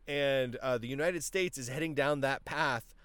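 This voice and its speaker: A man's voice: mid-range voice, normal speed, smooth, dry recording. A man hosting a casual political commentary podcast, talking with many restarts, with a tickle in his throat that makes him cough. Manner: animated, talks with frequent restarts. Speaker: podcast host.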